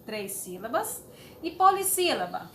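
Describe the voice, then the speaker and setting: A woman teacher explaining a homework sheet to young children, slowly and patiently, with fond little words. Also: a little high, very animated, pushed and bright, slight background noise. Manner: slow, patient, uses diminutives. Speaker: schoolteacher.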